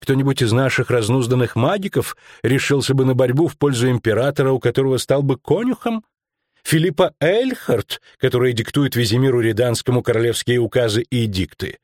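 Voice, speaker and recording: A man playing a shrewd, ironic middle-aged lawyer-investigator in an audiobook, lecturing with drawn-out emphasis. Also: medium pitch, a little mellow, no room sound, clean studio sound, close to an everyday voice. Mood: mocking. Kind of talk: audiobook acting.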